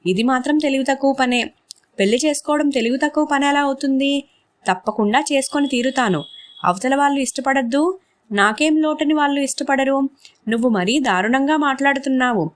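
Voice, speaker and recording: A woman's voice: sits high, fairly quick, pitched above the performer's own voice, close to an everyday voice. A woman reading Chalapathi, an indignant man. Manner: indignant, defensive. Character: touchy, hot-tempered man Chalapathi.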